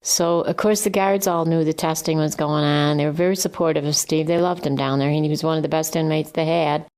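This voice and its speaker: Brief: older mother, documentary interviewee, lively retelling, acts out quotes, slightly low voice. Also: brisk. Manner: vivid storyteller acting out quotes. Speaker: mother of the exonerated man.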